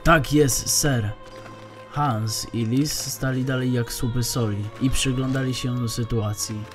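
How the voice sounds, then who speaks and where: Man, audiobook narrator, steady storytelling, mid pitch, faint music under him. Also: unhurried.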